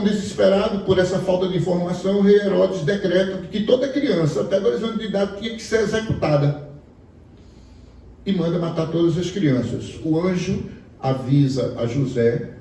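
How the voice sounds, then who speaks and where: Heard from afar in an echoey hall with slight background noise, a warm, fairly high-voiced preacher from Pernambuco, Brazil, speaks with the local Portuguese accent. His sermon unfolds as storytelling, and he asks the congregation questions.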